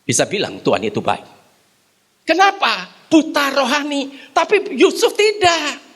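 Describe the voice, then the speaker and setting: High-pitched, lively male preacher. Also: a little slow. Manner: animated preaching, often addresses the congregation as "brothers and sisters"; calls the congregation to applaud. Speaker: pastor. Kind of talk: sermon. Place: church service on site.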